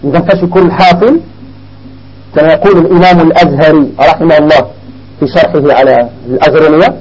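A man's voice: on the high side, fast, a little mellow, breathy edge, low-quality recording. A man with a Moroccan accent teaching a grammar lesson, explaining step by step and asking the class questions that he answers himself.

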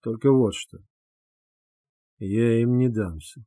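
A man's voice: mid-range voice, slow, dark tone, dry recording, clean studio sound. A man playing a tormented young man who speaks bitterly and sardonically in an audiobook. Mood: brooding.

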